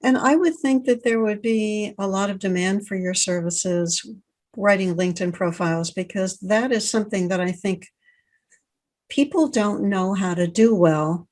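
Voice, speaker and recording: A woman hosting an interview and speaking in measured, fluent sentences. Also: medium pitch, darkish tone. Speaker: podcast host. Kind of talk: interview host.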